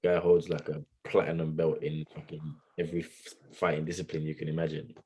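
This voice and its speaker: Co-host, very deep dark voice, emphatic banter. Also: male voice, flat delivery, fairly quick, slightly rough. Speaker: podcast co-host. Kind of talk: casual chat.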